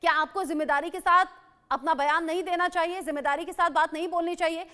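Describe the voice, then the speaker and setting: A woman's voice: very high-pitched, fairly even intonation, fast talker, pushed and bright. A woman from western Uttar Pradesh anchoring a heated TV debate, pressing guests with repeated questions. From western Uttar Pradesh, India. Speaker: news anchor. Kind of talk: moderating a TV debate.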